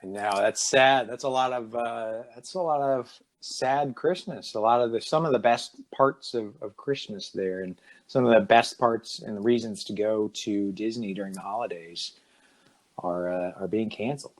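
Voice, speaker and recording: A man's voice: on the low side, normal speed. Chatty male co-host who laughs a lot. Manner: chatty, asks follow-up questions, laughs often. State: sipping bourbon while talking. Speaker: podcast co-host. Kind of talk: casual podcast chat.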